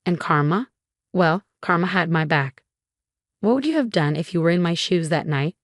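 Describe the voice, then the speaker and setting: Female narrator, lower register, measured first-person storytelling. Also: animated, no room sound, clean studio sound.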